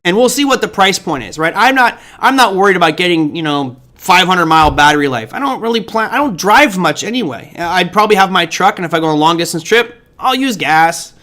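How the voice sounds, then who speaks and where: A middle-aged man hosts a live trading stream, chatting casually with viewers and answering them in a rambling, joking style packed with fillers. His voice is high, animated, pushed and bright, moving fairly quickly with hardly any pauses.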